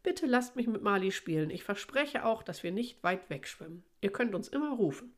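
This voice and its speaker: A woman's voice: mid-range voice, lively intonation, moderate pace, natural voice. A woman reading aloud, voicing a curious, friendly boy fish who swims alone.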